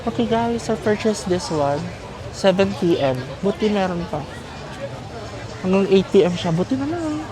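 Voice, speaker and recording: Out on busy city streets, a Filipino travel vlogger rambles casually in a high, animated voice, speaking a little slowly with a Filipino accent and mixing in English. Traffic, crowds, and vehicles make the outdoor recording noisy.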